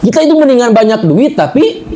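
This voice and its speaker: A middle-aged man preaching a lively sermon, firing rhetorical questions at his listeners. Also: very high-pitched, fairly quick, rough recording. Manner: animated, asks rhetorical questions, acts out home scenes.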